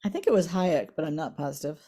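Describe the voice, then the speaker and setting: A woman in her eighties, reminiscing in a casual family interview, soft-spoken, her voice trailing off quietly at the ends of lines. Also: sits low, animated, fast, slightly rough. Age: 80s. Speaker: interviewee, the mother.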